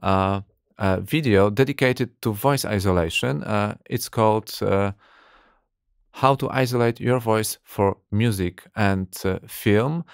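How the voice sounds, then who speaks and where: This gravelly, fairly low-pitched man in his thirties reviews an audio plugin at a measured pace from his small home studio, in a casual tech-talk style. He hesitates, drops plenty of "uh" fillers, and phrases things in a slightly non-native way. A studio condenser mic on an arm captures a clean tone with no room sound.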